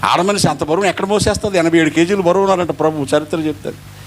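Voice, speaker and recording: A man's voice: fairly high pitch, fairly even intonation, rapid-fire, slight background noise. A middle-aged male pastor preaching an Easter sermon, acting out dialogue as he goes.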